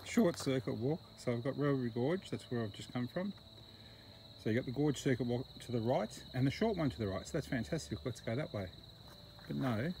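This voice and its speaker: Background noise accompanies the mid-range voice of an Australian hiker in his thirties, who talks casually to his arm's-length camera. He's on a bush trail at night and breathing hard between phrases.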